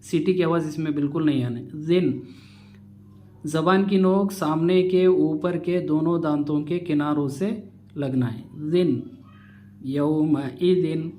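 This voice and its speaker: A man teaching Quran reading. He spells out letters and vowels slowly, then explains the rules quickly. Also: fairly high pitch, mellow. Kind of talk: slow spelled-out recitation lesson.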